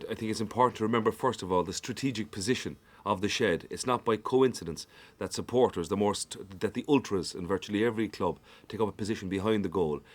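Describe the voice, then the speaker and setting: A man's voice: fairly low pitch, fast, few pauses. A man recalling stadium anecdotes in a wry, storytelling manner. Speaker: interviewee. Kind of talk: reminiscing storytelling.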